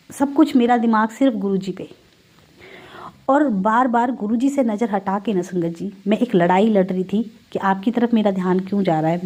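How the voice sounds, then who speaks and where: A woman's voice: mid-range voice, dark tone. A woman giving a spiritual testimony to a congregation, telling her story in a heartfelt, conversational way and often speaking to her listeners directly. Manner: conversational, with everyday Hindi-English mixing.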